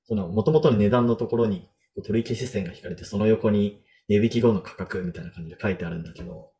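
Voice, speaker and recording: Low mellow guy hosting a podcast, casual chatty vibe, lots of fillers. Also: quick pace. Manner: relaxed, chatty, thinks aloud with fillers. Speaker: podcast host.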